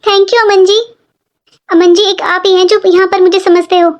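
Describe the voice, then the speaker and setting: A performer voicing a sad, pregnant young daughter-in-law who pleads and complains softly in a cartoon story. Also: very high-pitched, level tone, moderate pace. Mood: plaintive. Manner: plaintive, pleading. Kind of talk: animated cartoon voice acting.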